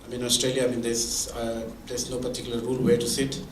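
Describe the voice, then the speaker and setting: Male presenter, mid-pitched, explaining with examples, heard from a distance in a roomy hall. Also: completely flat delivery, fast, a little hiss or hum. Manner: explains with examples, many restarts. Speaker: presenter at a mentoring event. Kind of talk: conversational presentation. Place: meeting room or hall. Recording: echoey room from far off.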